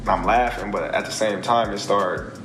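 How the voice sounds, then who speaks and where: A man's voice: on the low side, steady tone, normal speed. A man talking loosely in a casual interview, chuckling and using lots of fillers. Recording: echoey room with music under it.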